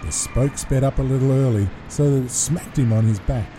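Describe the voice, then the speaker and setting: A man reading a children's story aloud in an expressive, playful way. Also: medium pitch, normal speed, background noise. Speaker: narrator.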